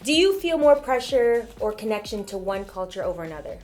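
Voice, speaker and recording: A woman's voice: mid-range voice, very animated, fairly quick, darkish tone. A young woman chatting casually and playfully as a guest. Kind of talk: casual chat.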